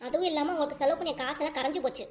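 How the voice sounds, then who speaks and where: A woman with a Tirunelveli Tamil accent voicing a sharp-tongued grandmother who scolds without pause in a cartoon. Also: sits high, close to an everyday voice. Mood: scolding. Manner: nagging, rapid-fire scolding.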